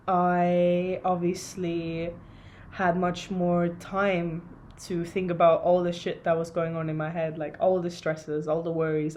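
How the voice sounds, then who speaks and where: A young woman from Estonia talking to a camera in a casual, reflective vlog, soft and searching, with many pauses. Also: on the low side, a little hiss or hum. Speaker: vlogger.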